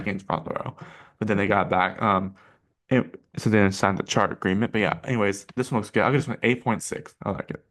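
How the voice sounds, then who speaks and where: A man's voice: lowish voice, a bit bright. A man hosting his own channel, giving casual reaction commentary in a rambling, hesitant way with many fillers and restarts. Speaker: channel host rating paint schemes.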